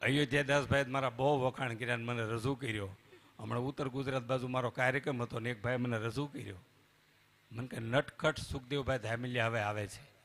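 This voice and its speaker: Animated man telling jokes. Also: medium pitch, fairly quick. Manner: animated, jokey, swings from loud to hushed. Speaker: folk comedian and storyteller. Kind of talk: live stage comedy storytelling. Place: live stage before a temple audience.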